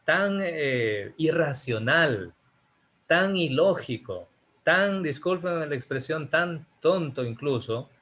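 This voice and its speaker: A male teacher lectures his students over a video call. His voice sits a little high, and he speaks emphatically, asking rhetorical questions and then answering them himself. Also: a bit bright, a little hiss or hum. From Ecuador. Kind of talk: online class lecture.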